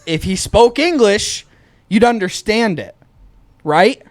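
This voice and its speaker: High-voiced exasperated podcast co-host. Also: male voice, animated, takes it slowly, no echo. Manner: exasperated, teasing, explaining patiently. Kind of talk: casual argumentative chat.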